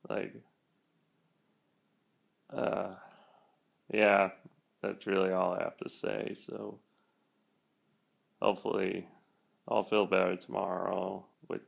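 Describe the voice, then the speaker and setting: A young man vlogging casually while feeling sick, speaking in a halting, hesitant way that trails off. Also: low-pitched, level tone, gravelly. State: feeling sick, achy and nauseous. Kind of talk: casual vlog talk.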